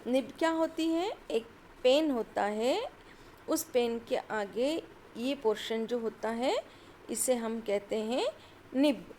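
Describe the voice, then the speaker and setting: High-voiced woman teaching slowly. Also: darkish tone, a little hiss or hum. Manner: patient, sounds words out slowly. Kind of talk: children's Hindi lesson.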